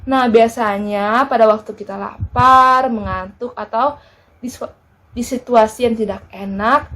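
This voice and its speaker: High-voiced woman teaching small children. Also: a little slow. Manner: lively, questioning, talking down to small kids. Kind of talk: children's lesson.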